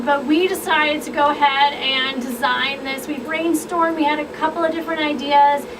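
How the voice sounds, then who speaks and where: On a radio talk show, a woman appearing as a guest expert explains her group's project, enthusiastic and chatty, her voice high. She sounds distant from the mic in the radio studio, and the recording is noisy.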